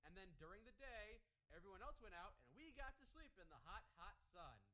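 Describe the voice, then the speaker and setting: A man's voice: high-pitched, brisk. A man, an army veteran, telling stories in a casual stream chat and laughing as he goes. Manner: animated storyteller who laughs while telling.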